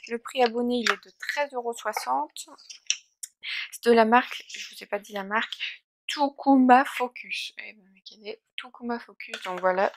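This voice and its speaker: A woman's voice: a little high, bright, forceful tone, slight background noise. A young woman chatting casually through a beauty box unboxing, full of hesitations and fillers. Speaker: beauty vlogger.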